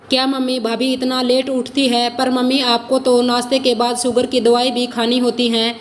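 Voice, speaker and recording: A woman's voice: fairly high pitch, flat delivery, normal speed, long reverb tail, slight background noise, lightly acted. A woman voicing a bitter, quarrelsome married daughter in a storybook reading, with a complaining, indignant manner.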